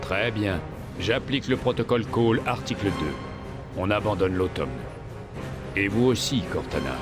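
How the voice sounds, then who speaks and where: An actor playing a grave, resolute warship captain in dramatic video game dialogue. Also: male voice, on the low side, normal speed, over music, natural voice.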